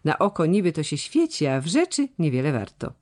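A biting old treasurer who lisps and stumbles over his words, as a reader puts him on. His pitch rises and falls in lively swings, mocking everything he judges. Storybook reading. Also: brisk. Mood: scornful. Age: older. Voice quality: lisping, stammering. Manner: scornful, biting critic. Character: old male treasurer, sharp-tongued and grumbling. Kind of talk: audiobook character voice.

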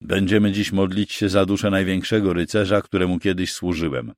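A proud, capricious bishop with a deep, solemn voice, as a male narrator puts him on. He speaks sternly, intoning his words with lively rises and falls. The recording is dry and close. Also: slow pace, no room sound, heavily acted.

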